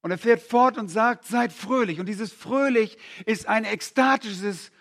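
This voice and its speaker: A male preacher with a high-pitched voice that is gravelly and worn hoarse. He swings from low, hushed stretches to loud, fervent outbursts as he preaches. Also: measured pace. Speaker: pastor. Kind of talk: sermon.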